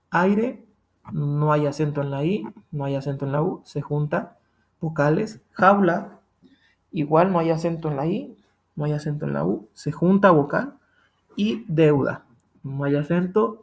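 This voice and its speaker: A man's voice: a little high, darkish tone. A man with a Mexican accent teaching a grammar lesson, patient and repetitive, often checking in with "ok?". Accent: Mexican Spanish.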